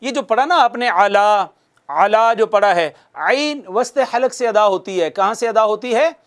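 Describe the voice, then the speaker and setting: High-voiced man teaching recitation patiently. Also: animated. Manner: patient, repeats sounds slowly for students to copy; asks questions and answers them himself. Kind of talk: recitation lesson.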